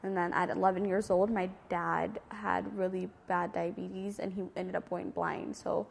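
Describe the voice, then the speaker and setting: Her voice is lowish with vocal fry and little pitch movement, at a moderate pace, with slight background noise and a long reverberant echo. Born in Ethiopia and raised in San Diego from nine, this woman in her thirties casually recollects for an oral history interview in a community center room, reflective and hesitant.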